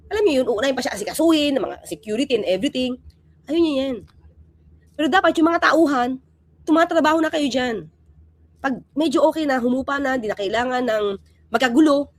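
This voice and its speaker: A woman hosting a casual political commentary vlog, talking emphatically and animatedly and throwing out rhetorical questions to her viewers. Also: a little high. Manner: emphatic, keeps asking rhetorical "di ba?"; animated, swings between loud and quiet.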